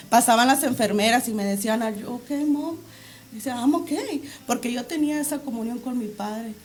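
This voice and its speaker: A woman's voice: a little high, a little mellow, a little hiss or hum. A middle-aged woman sharing a religious testimony as an interview guest, fervently reenacting her prayers aloud.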